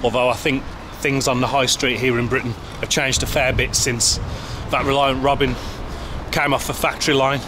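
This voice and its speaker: A man's voice: medium pitch, little pitch movement, moderate pace. A man hosting a travel vlog, narrating and chatting with people on the street in a friendly way. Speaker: travel vlogger and host. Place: outdoors on town streets. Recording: outdoor street noise with traffic.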